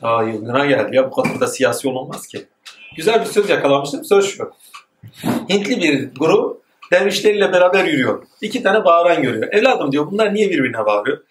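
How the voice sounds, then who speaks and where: A man delivers a religious lecture in a slightly high voice, pushing up on key points and sinking into low asides. The sound carries a roomy echo with a faint noise underneath. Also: lively intonation, fairly quick. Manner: rises emphatically, then drops to a low aside. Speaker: religious teacher. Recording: echoey room with faint noise.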